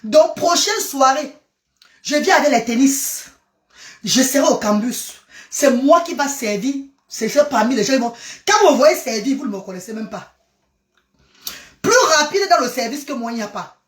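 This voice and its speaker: Woman on a live stream, kinda high voice, echoey room, all over the place and excitable. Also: normal speed. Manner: animated, exclamatory, jumps between topics. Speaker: social media live streamer. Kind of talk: casual live-stream chat. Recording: roomy echo.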